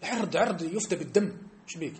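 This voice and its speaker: A man giving a mosque study-circle lesson, animated and emphatic, often checking that his listeners understand. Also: a little high, quick pace, a crowd in the background. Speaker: religious teacher. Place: mosque hall.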